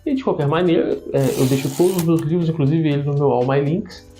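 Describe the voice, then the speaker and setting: A man's voice: on the high side, fast talker, warm tone. A man with a Brazilian Portuguese accent and slightly tongue-tied articulation, giving an informal, didactic video lesson as a writing tutor. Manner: didactic, enumerating points. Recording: dull lo-fi sound, music behind. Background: background music.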